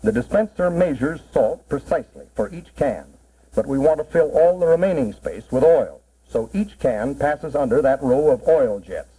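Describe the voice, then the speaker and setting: A man's voice: mid-range voice, lively intonation, moderate pace, mellow, breathy edge. A man narrating a 1940s promotional film as a cannery guide, in a plain, instructive mid-century style. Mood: matter-of-fact. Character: cannery man proudly explaining the packing process. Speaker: narrator explaining a cannery tour. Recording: muffled, worn 1940s film soundtrack.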